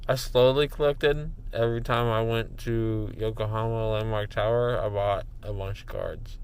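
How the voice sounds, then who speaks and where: A man's voice: fairly low pitch, fairly even intonation, normal speed, clear, resonant tone. A man chatting casually to his vlog audience, groggy after dental surgery, his words muffled by a numb, packed mouth. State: groggy after wisdom teeth removal. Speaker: card-collecting video host.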